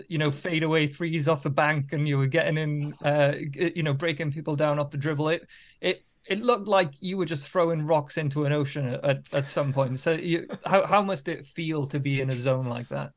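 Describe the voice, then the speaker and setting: A man hosting a sports podcast and interviewing in a conversational style. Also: on the high side. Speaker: podcast host.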